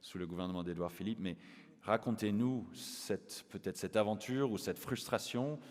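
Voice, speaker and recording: A very deep-voiced man moderates a talk on an opera house stage, long reverb trailing his words. He is polite and hesitant, restarting phrases and filling pauses as he sets up his questions. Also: a little mellow. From United States. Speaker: interviewer. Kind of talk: moderated public conversation.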